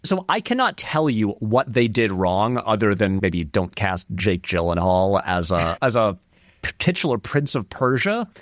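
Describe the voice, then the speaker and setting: Speaking in a lowish voice at a measured pace, a male film video essayist gives relaxed, animated interview commentary, packed with filler words, restarts and little performed quotes. The studio audio is clean with no room sound.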